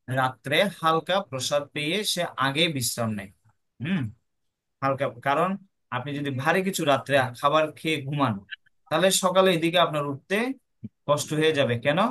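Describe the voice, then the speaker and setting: A man gives a devotional talk in a voice a little higher than most men's. He teaches by asking rhetorical questions and answering them himself, with a patient, explaining manner. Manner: chants the mantra softly. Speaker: devotional speaker. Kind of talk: Bengali devotional class.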